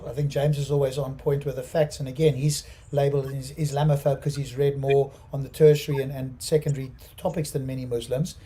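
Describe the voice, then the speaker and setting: A co-host man with a husky voice in a debate, measured and insistent, laying out his reasoning. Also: mid-range voice, level tone, warm tone, slight background noise. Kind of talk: debate discussion.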